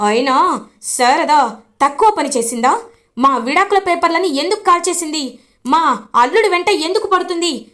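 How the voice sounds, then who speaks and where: A woman's voice: sits high, lively intonation, moderate pace, long pauses, fairly bright tone. A woman voicing a scheming, ruthless father figure who speaks in a bitter, menacing way. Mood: angry. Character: scheming ruthless older man, villain father.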